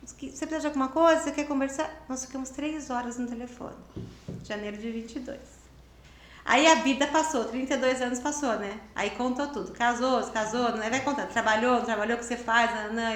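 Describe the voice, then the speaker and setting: Brief: Brazilian interview guest, a woman around fifty, fairly high voice, animated, acts out the dialogue as she tells her story, roomy echo. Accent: Brazilian Portuguese. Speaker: interview guest, writer and lawyer.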